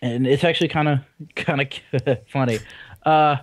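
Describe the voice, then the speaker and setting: A man's voice: a little high, fairly even intonation, normal speed, no echo. A man co-hosting a casual gaming podcast, rambling and swearing casually with self-deprecating jokes. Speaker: podcast co-host. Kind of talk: casual chat.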